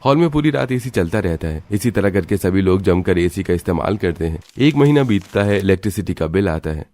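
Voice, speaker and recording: A man narrates a cartoon story in an even, matter-of-fact way. His voice is very low. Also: fairly quick.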